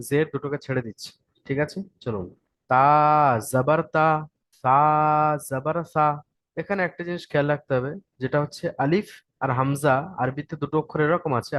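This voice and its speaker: Brisk, patient man teaching Quran reading. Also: on the high side, dry recording. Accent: West Bengal Bengali. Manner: patient, repeats and checks understanding. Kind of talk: online class instruction.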